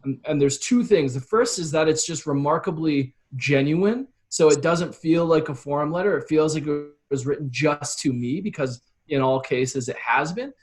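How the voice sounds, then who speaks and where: With a fairly high-pitched voice, a copywriter and consultant from Calgary, Canada, speaks at normal speed with few pauses. He's a guest in a relaxed conversational interview, explaining earnestly and often quoting examples aloud.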